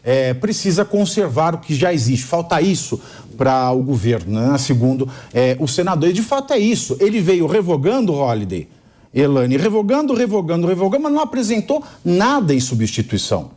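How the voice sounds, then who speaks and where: A man with a Brazilian Portuguese accent hosting a political panel discussion, sarcastic and quick to interject. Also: a little high, very animated, a little mellow.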